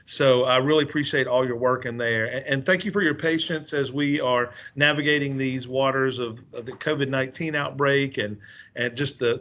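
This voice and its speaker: A man's voice: mid-range voice, fairly bright tone. A man chairing a school board interview, speaking hesitantly with repeated words and many uhs over a video call. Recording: dull video-call audio.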